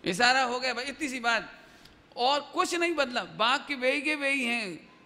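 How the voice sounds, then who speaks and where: High, bright-voiced man preaching. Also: animated, unhurried. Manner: explains with everyday examples, quizzes the audience. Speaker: Jain preacher. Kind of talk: religious discourse. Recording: hall reverb, faint noise.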